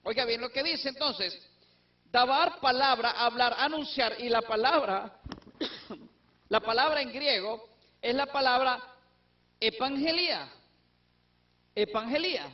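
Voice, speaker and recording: A man's voice: very high-pitched, measured pace, pauses often. Man, Bible teacher, explanatory, rhetorical questions, dull lo-fi sound. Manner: explanatory, asks and answers his own questions. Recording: distant, dull lo-fi recording.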